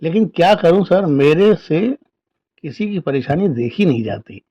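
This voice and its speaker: A male storyteller with a fairly high but mellow voice spins a comic tale in a wry, chatty tone. He talks straight to the listener. The sound is dry and close, with no room echo. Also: expressive, a little slow, slightly rough, lo-fi sound.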